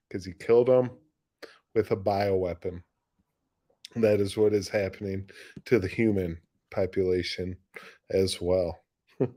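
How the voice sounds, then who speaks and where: A hoarse man with a somewhat low voice hosts a live news stream. He reads stories aloud in a plain way and keeps breaking into rambling, casual commentary full of asides and restarts. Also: a little mellow. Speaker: livestream news show host.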